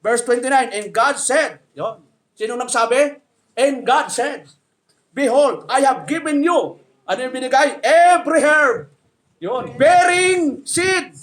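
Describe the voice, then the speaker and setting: Man, middle-aged, Filipino accent; pastor giving a chatty, humorous sermon, very high pitch. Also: animated, a little slow. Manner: jokey, conversational preaching with audience questions.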